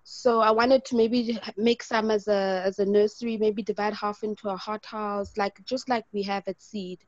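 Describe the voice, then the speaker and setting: A woman's voice: mid-range voice, flat delivery, normal speed, no echo, dull audio. A woman joining an online workshop as a participant, polite and eager, a little hesitant. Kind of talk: casual chat on a video call.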